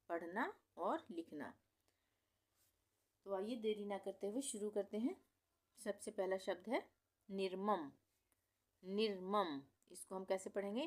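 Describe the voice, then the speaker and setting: A woman teaching Hindi reading, saying each difficult word slowly several times and explaining how it is pronounced. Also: mid-range voice. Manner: repeats each word slowly, stretching syllables; patient, explanatory questions to the learner. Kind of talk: slow instructional reading lesson.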